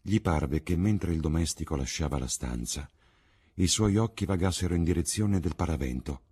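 Low husky guy reading an audiobook, measured and expressive. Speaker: narrator. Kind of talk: audiobook reading of a classic novel.

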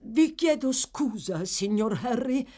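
A woman's voice: on the high side, lively intonation, slow, mellow, pitched above the performer's own voice. Brief: woman voicing formal, teary, self-important old servant. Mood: fussy.

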